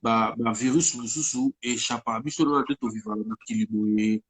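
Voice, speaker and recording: A husky, medium-pitched man speaks French with a Congolese accent in a steady tone at a normal speed. He's a guest musician in an interview, nursing a head cold as he rambles casually and slips Lingala words into his speech.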